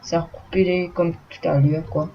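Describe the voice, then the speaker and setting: A man narrating a let's play in a soft voice, swearing when startled, on a dull lo-fi recording with faint noise. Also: on the high side, little pitch movement, gravelly. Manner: talks softly and slowly, swears when startled. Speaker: gameplay commentator.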